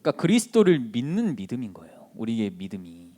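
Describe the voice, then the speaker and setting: A man delivers a sermon to a college ministry in an ordinary mid-range voice. His pitch rises and falls freely as he fires off rhetorical questions. He slips into the voices of the people in his stories as he retells them. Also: fast. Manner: animated, with many rhetorical questions.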